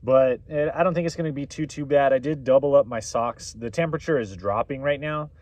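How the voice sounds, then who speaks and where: A young man casually narrating a camping vlog outdoors, rambling and relaxed as he eats. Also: mid-range voice, brisk, no room sound. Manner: relaxed, rambling, talks while eating. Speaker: camping vlogger. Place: outdoors at a mountain campsite.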